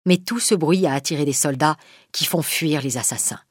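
Woman narrator, storybook, expressive, husky, dry and close. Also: deep voice, moderate pace, no room sound. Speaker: audiobook narrator.

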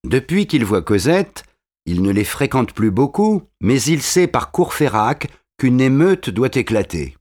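Slow, measured male storyteller. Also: mid-range voice, sing-song, darkish tone. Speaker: narrator. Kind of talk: scripted narration of a classic novel.

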